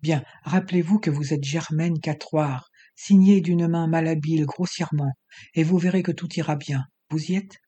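A man reading an audiobook, voicing a disguised male rescuer who gives quick instructions in a hushed, reassuring tone. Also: on the high side, fairly even intonation, slightly rough. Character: disguised male rescuer posing as a prison guard, urgent and calm.

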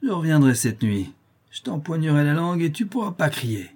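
A man's voice: fairly high pitch, very animated, normal speed, a little mellow, breathy edge, pitched above the performer's own voice, full character voice. A man voicing a drunken, lame, brutish male neighbor who bellows threats in a slurred voice. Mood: menacing.

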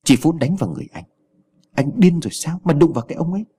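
A man's voice: animated, fast, dark tone, husky. A man voicing a worried young village wife who scolds her husband in a raised, anxious voice. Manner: anxious, pleading, raised pitch.

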